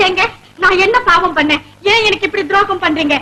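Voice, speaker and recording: A fretful, naive young wife in an old film comedy. Her voice is very high and quick, bright and tense, pleading and impulsive. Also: slight background noise. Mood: hurt. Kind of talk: 1970s Tamil film comedy acting.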